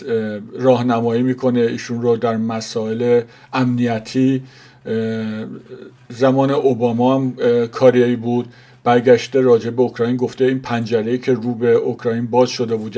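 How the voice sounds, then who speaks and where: An older man with an Iranian Persian accent talks through the news informally. His voice is mid-pitched and soft-edged, staying quite level in tone. He speaks haltingly, often pausing and padding sentences with filler phrases. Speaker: commentator presenting news. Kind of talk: informal news commentary to camera.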